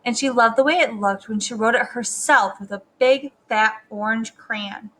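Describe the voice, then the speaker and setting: A young woman reading a story aloud to children, stopping to ask them gentle questions. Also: a little high, normal speed. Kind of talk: read-aloud lesson for children.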